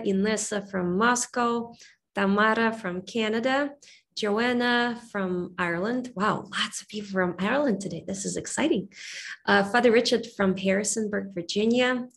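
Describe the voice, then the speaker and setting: A woman hosting a live webinar over a video call, reading out attendees' names, halting with many fillers while recovering from covid. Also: mid-range voice. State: recovering from covid, brain fog. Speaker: webinar host.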